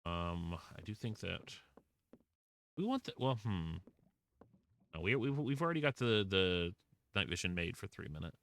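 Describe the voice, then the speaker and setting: Man, game streamer, casual chat, self-deprecating, somewhat low voice, dry close sound. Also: sing-song, unhurried, pauses often, no room sound. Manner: chatty, self-deprecating, greets chat warmly. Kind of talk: casual live-stream chat while playing.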